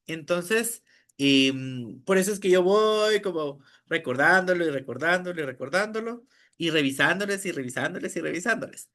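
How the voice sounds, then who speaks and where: A man's voice: high voice, fairly bright tone. A man teaching an online class, explaining material step by step and often checking in with his listeners. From Guatemala. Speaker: teacher leading an online training session.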